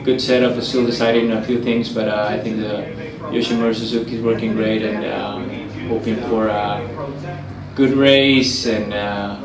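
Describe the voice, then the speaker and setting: A young man, a racer, speaking slowly with many fillers before a race in a garage. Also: fairly low pitch, little pitch movement, a loud crowd. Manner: slow, halting, with frequent fillers. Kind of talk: pre-race interview. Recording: roomy, distant, noisy garage.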